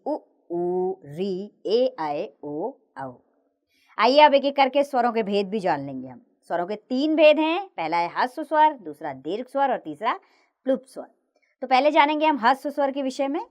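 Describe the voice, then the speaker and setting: A woman teacher narrating a grammar lesson for children, reciting the letters slowly and clearly. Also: mid-range voice. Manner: slow, clear recitation of letters with lively sing-song rises and falls.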